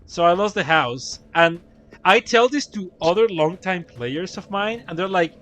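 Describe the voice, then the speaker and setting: A man's voice: high voice, lively intonation, measured pace, fairly bright tone. Laughing, swearing young man streamer. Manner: laughing, profane, rambling storytelling. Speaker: gaming streamer. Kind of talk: casual chat while playing.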